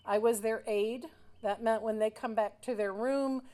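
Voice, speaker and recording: A woman's voice: fairly high pitch, steady tone, measured pace, dark tone, poor audio. A woman in her fifties who grew up in Switzerland, giving a rambling personal speech at a memorial with many "um" fillers. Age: 50s. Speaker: alumna speaker.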